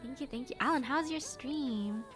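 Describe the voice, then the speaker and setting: Casting: upbeat woman stream host, high and bright, faint music underneath. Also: moderate pace. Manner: upbeat, greets chat viewers. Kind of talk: casual stream chat.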